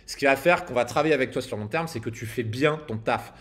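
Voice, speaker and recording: A man's voice: mid-range voice, quick pace, a bit bright. A man coaching copywriters in a casual monologue to camera, filmed outdoors at sunset. He speaks in a punchy, emphatic way, with slang and the odd swear word. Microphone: camera filming himself.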